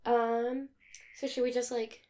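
A woman co-hosting a podcast in casual chat, with a hoarse, raspy smoker's voice from a sore throat. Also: on the high side, flat delivery, slow pace, mellow, slight background noise. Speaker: podcast co-host.

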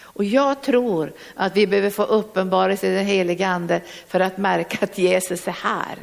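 A woman's voice: mid-range voice, steady tone, gravelly, in a large hall. A woman preacher, delivering a fervent sermon and calling out exhortations to her congregation.

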